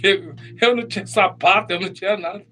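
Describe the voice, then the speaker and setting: Missionário brasileiro, voz bem aguda e brilhante, conta testemunho animado. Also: male voice, high-pitched, quick pace. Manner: animated, addresses listeners as brother. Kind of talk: testimony storytelling in preaching.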